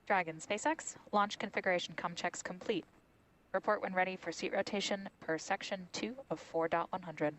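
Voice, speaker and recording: Female mission controller: lower register, formal and clipped, procedural comm checks. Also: steady tone, moderate pace, fairly bright tone, low-quality recording. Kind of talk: procedural radio comm calls.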